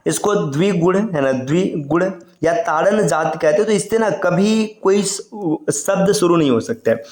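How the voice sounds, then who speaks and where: A high-voiced man with a darkish tone gives a slow, step-by-step online exam-prep explanation, elongating his sounds and repeating "है ना". The recording sounds roomy.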